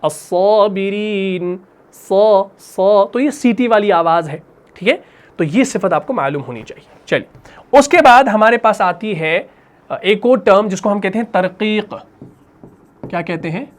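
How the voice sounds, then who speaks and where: A man's voice: high voice, lively intonation. Patient man teaching recitation terms. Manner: patient, asks questions and answers them himself; repeats each term slowly. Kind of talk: classroom lesson.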